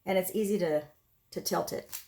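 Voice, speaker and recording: A woman casually talking through a hands-on craft demonstration step by step, in an unhurried way. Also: on the low side, dark tone. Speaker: host of an acrylic pour painting tutorial. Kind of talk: casual craft demonstration, narrating as they work.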